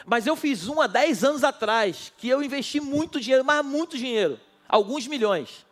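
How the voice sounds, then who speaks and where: Preaching at an evening church service, this male pastor speaks passionately and directly to those listening. His very high-pitched voice is expressive and moves at a moderate pace.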